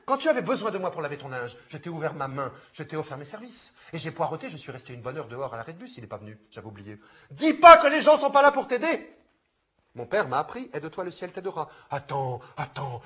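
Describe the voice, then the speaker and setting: A man's voice: high-pitched, a bit bright, husky. A man reading short comic plays aloud, taking on every part himself and switching between character voices.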